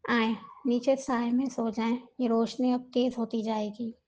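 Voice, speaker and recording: A woman reading the part of a gentle, patient young husband in a soft, tender tone. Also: on the high side, flat delivery, unhurried, natural voice.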